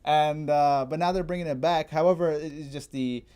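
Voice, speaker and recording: A man's voice: a little high, steady tone, normal speed, warm tone, clear, resonant tone. A man hosting a casual chat, explaining things at length, laughing often and trailing off mid-sentence. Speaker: fitness trainer and host.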